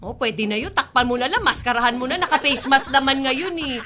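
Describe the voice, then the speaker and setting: A woman's voice: high-pitched, lively intonation, a little fast, a crowd in the background. A woman co-hosting a radio show, teasing and laughing in casual banter. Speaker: radio DJ co-host.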